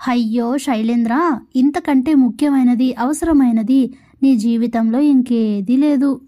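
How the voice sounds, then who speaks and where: Taunting mystery kidnapper, male, a woman reading him, mellow tone. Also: fairly high pitch, unhurried, lightly acted. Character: threatening anonymous male kidnapper on the phone.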